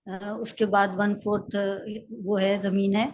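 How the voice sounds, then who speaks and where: A woman's voice: mid-range voice, level tone, dull audio, slight background noise. Hesitant woman student answering. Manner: hesitant, many pauses and fillers. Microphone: online class microphone.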